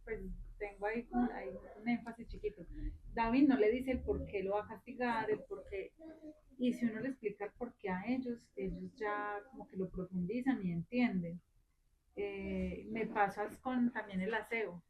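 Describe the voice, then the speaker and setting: A woman's voice: medium pitch, moderate pace, muffled recording, slight background noise. A woman with a Colombian Spanish accent, a mother in a church class, telling personal stories expressively and acting out the dialogue. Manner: expressive, narrates with quoted dialogue. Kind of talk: sharing a personal story in discussion.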